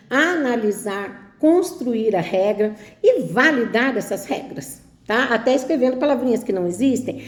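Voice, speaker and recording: A woman's voice: on the high side, darkish tone. A woman teacher explaining spelling rules, asking questions and often checking that her listeners follow. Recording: echoey room.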